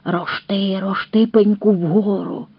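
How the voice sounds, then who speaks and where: A woman voicing a sly old peasant grandmother, chanting softly under her breath. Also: medium pitch, fairly even intonation, slow, creaky, husky, no echo, heavily acted. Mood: hushed. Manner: soft, hushed chant. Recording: dull dry recording.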